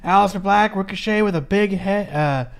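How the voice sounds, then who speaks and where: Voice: mid-range voice, moderate pace, clean tone. A podcast co-host recapping a match in a chatty, casual way, swearing now and then and reading from notes.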